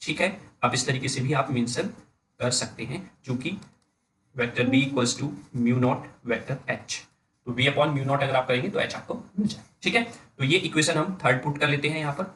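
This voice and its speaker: A man with an Indian accent giving an engineering lecture, dictating slowly word by word and often checking in with his students. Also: medium pitch, a bit bright, rough recording. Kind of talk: blackboard-style lecture in mixed Hindi and English.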